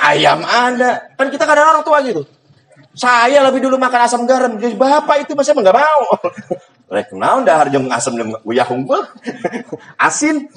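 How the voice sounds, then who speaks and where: A man's voice: sits high, fairly bright tone, rough recording. A man giving a humorous sermon, joking and laughing often. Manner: jokes and laughs often, mixes in Sundanese. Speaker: preacher.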